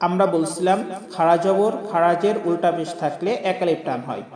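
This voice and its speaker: A man teaching Quran recitation, who speaks patiently to viewers and repeats each syllable slowly. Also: high-pitched, a crowd in the background. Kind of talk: pronunciation lesson. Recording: echoey room with long reverb.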